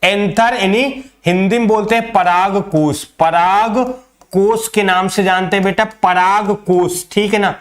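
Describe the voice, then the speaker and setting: A man's voice: high voice, unhurried. A male biology teacher lecturing a class, showing a flower, repeating each term and quizzing his students. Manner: repeats key terms and quizzes students with "क्या बोलते हैं?"; calls students "बेटा", demonstrates with a flower.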